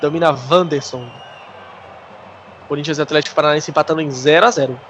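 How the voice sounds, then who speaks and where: A Brazilian man gives live play-by-play of a football match. His voice sits fairly high, with faint stadium noise behind it. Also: fast talker, a bit bright, highs cut off, a faint crowd. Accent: Brazilian Portuguese.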